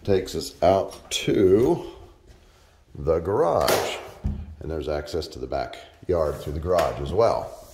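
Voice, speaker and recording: A man giving a relaxed, plainspoken walkthrough tour of an empty house, filmed on a handheld phone. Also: extremely low pitch, vocal fry, very noisy. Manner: relaxed, plainspoken, with frequent pauses and fillers. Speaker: real estate agent. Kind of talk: casual walkthrough tour narration. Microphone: handheld phone camera. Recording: echoey empty rooms.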